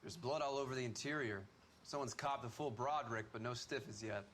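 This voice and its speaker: A man's voice: medium pitch, brisk, fairly bright tone, natural voice. Guy acting 1940s beat cop, matter of fact slangy report, game audio w some background noise. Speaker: police patrol officer. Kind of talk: period detective game acting.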